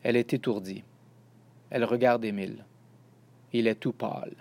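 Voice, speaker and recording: A man calmly reading a children's storybook aloud. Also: lowish voice, normal speed, no room sound. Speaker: narrator. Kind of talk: scripted storybook narration.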